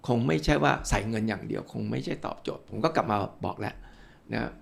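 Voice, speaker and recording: An older man speaking as an expert guest, his voice deeply gravelly and fried throughout. He talks at a brisk, quick clip, laying out his points through step-by-step examples and turning politely to the audience. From Thailand. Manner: explains with worked examples, politely addresses listeners. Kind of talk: explanatory interview talk.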